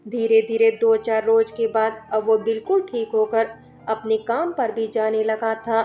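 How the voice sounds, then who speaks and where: Woman reading a story over soft music. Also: a little high, unhurried. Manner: even storybook reading, voicing a male first-person narrator. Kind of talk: scripted story narration.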